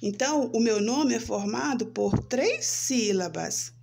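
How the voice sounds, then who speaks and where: Slow, patient Brazilian woman teacher. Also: a little high, lively intonation, creaky, darkish tone, husky. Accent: Brazilian Portuguese. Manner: slow, spelling out syllables, frequent "né?" and "certo?". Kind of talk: children's lesson, slow and sing-song.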